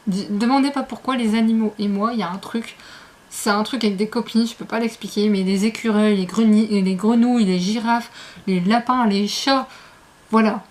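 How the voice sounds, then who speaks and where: A woman's voice: mid-range voice, steady tone, moderate pace. A woman chatting casually in a book vlog, rambling and gushing as she unboxes items. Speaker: book vlogger.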